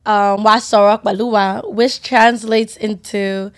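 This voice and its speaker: A woman's voice: medium pitch, steady tone, slow. A woman co-hosting a podcast, talking casually in a playful, teasing, brash way. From United States. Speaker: podcast co-host. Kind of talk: casual chat.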